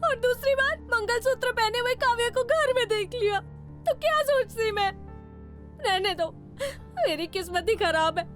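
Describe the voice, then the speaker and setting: A woman's voice: very high voice, animated, normal speed, fairly bright tone, faint music behind. A woman dubbing a tearful, self-pitying young heroine in a film. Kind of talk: Hindi film dub.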